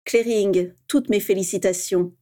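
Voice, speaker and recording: A woman doing a calm elderly headmaster. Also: mid-range voice, close to an everyday voice. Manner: peaceful, measured.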